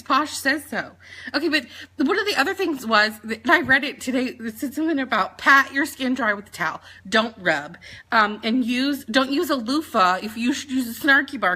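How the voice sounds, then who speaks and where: A high-pitched, bright-voiced woman in her thirties talks in a casual, chatty way with a Southern twang. She was raised in Maryland and keeps breaking into laughter while coaching her team. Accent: Southern US, put on when talking fast. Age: 30s. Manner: chatty, animated, laughs often, quotes others in voices. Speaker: sales team leader. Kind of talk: casual live training talk.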